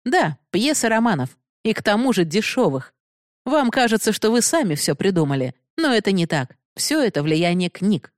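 A woman's voice: medium pitch, sing-song, normal speed, dry recording, voice pushed up, close to an everyday voice. Lady reading a stern moral young guy, firm and preachy, dry close sound. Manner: firm, lecturing. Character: stern upright young man, moral and restrained.

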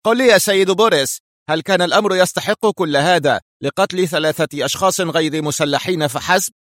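A man's voice: sits high, quick pace, a bit bright, no echo, studio quality, pitched above the performer's own voice. A man voicing a male biker squad leader who questions his orders uneasily, then yields. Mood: uneasy deferential. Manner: uneasy, deferential.

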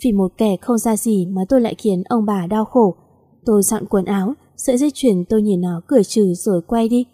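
A woman's voice: mid-range voice, fairly quick, dark tone, breathy edge. A woman narrating a story aloud and reading every character's part in one voice. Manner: reads all characters in one voice.

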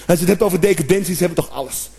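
A man doing a stand-up comedy routine, animated, with sudden shouted outbursts and acted-out noises. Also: high-pitched, rapid-fire, gravelly.

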